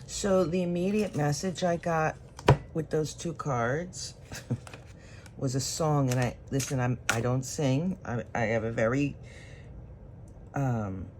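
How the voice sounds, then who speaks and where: Unhurried and musing aloud as each card is drawn, a tarot reader delivers a solo reading straight to the viewer. The voice sits at a medium pitch against a noisy background.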